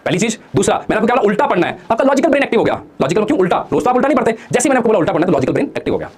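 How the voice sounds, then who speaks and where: In a motivational study talk to exam students, a man fires off rhetorical questions and answers them himself, coaxing listeners to join in and comment. His high voice is sing-song and breathy-edged, and he races along.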